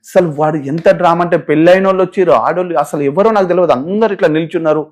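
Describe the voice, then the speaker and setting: A man with a Telangana Telugu accent tells his story as a guest in an interview. He talks fast in a somewhat high voice. He is a pastor giving emotional testimony and animatedly acts out the voices of the people he quotes. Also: a little mellow.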